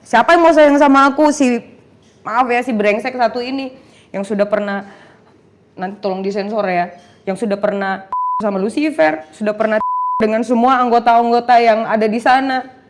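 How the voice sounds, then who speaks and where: A woman's voice: fairly high pitch, normal speed, slight background noise. A young woman telling an emotional personal testimony in an interview, acting out the dialogue in her story and slipping in English phrases. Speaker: guest giving a testimony.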